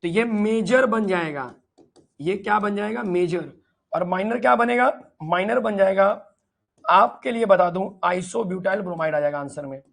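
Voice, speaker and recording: In an online chemistry lecture, a man with a high-pitched, creaky voice keeps a measured pace while being lively and teasing. He questions his students and then answers on their behalf.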